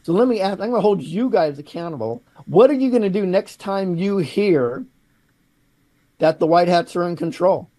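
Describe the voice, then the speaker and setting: A man's voice: sits high, expressive, normal speed, dark tone. A man hosting a political talk show, speaking straight to his audience with pointed rhetorical questions. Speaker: host.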